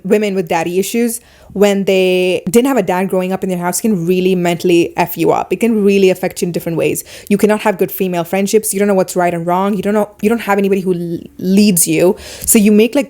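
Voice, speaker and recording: Hosting a podcast, a woman with a foreign accent talks through her views in an easygoing conversation, lively and fast in spurts. She speaks at a medium pitch.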